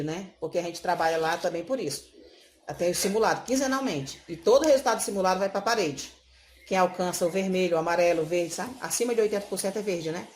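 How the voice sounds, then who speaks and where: A woman's voice: on the low side, a little hiss or hum. A woman teacher, telling classroom stories in a casual interview and often tagging her sentences with "sabe?". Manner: expressive, tags sentences with "sabe?". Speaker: schoolteacher, interview guest.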